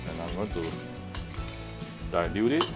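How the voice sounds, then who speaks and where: A man's voice: deep voice, expressive, unhurried, loud music behind the voice. Chatty man cooking at home. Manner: chatty, hesitant with frequent "uh" fillers. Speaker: home cooking channel host. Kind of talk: casual cooking demonstration. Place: home kitchen at the stove.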